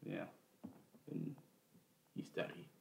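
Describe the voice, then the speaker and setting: A man's voice: slow pace, a little mellow. Playful young man, noisy echoey room. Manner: playful, goofy. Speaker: podcast co-host. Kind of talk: casual chat.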